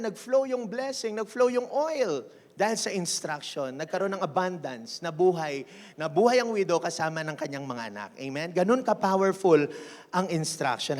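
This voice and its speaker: A man preaching as senior pastor in a church, energetic and mixing English into his sermon while calling on the congregation to respond. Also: sits high, in a large hall. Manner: energetic, mixes English into Tagalog, keeps asking the church to respond. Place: church sanctuary.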